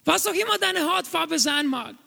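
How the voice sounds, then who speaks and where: A man's voice: extremely high pitch, lively intonation, normal speed, gravelly, pushed and bright. A man preaching a sermon to a congregation, emphatic and repeating his key phrases. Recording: long hall reverb, faint music.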